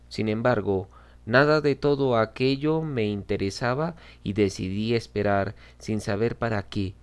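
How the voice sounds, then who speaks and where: A man reading a classic novel aloud in a measured, dramatic storytelling manner. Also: lowish voice, clear, resonant tone. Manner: measured, dramatic reading, voicing quoted lines. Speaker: audiobook reader. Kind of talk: scripted narration of a classic novel.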